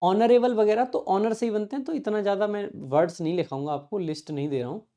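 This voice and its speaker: A man teaching English grammar in an online exam-prep lesson. He reads the example sentences slowly, word by word, and keeps asking his students quick check questions. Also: high-pitched, dark tone.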